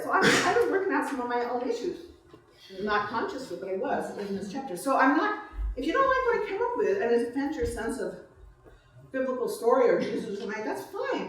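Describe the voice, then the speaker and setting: A high-voiced woman author sounds distant and echoey as she introduces her own book at a live reception, speaking informally before a slow literary reading. The far mic also picks up faint noise in the room.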